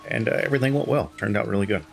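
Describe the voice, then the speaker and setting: Tired, rambling deep-voiced man. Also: rapid-fire, vocal fry, soft background music. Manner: rambling, chatty, many fillers and restarts. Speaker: streamer. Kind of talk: casual chat while gaming.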